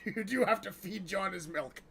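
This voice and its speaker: A man's voice: high-pitched, moderate pace, creaky, bright, forceful tone, a little hiss or hum. A man casually narrating a tabletop game as the game master.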